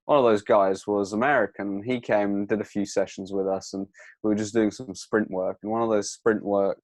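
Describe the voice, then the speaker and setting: A man's voice: lowish voice, fairly even intonation, moderate pace, a little mellow, dry recording. A young British man with a British accent, co-hosting a podcast in casual chat, telling stories and swearing freely. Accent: British English. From Britain. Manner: storytelling, swears casually, acts out quotes. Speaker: podcast co-host.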